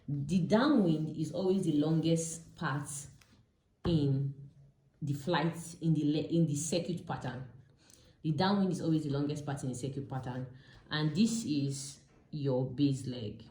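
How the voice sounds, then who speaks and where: A Nigerian woman, a pilot and aviation instructor, gives an informal step-by-step lesson in a Nigerian accent, repeating key terms as she goes. Her voice sits low with a dark tone and an unhurried pace, and the room sounds echoey and reverberant.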